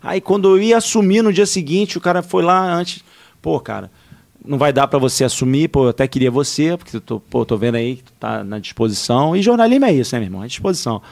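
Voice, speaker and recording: Carioca man, podcast guest, animated slangy storyteller, fast and gravelly. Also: fairly high pitch. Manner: animated, slangy, laughing through anecdotes. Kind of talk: casual storytelling.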